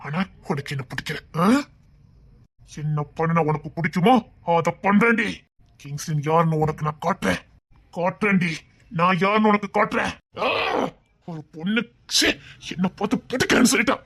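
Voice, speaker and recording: A woman voicing a possessive, brooding young male hero in an audio drama, with a breathy voice and an intense, coaxing manner. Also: on the low side, normal speed, a bit bright. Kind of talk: amateur audio drama acting.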